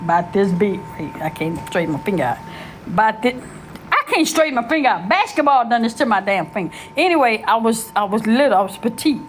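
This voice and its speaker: A middle-aged woman tells her own story. Her voice sits fairly high, and she talks in a loose, slangy, animated way, stopping to hunt for words. A faint hiss runs under the recording. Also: fairly quick. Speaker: host telling her life story. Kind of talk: casual storytelling.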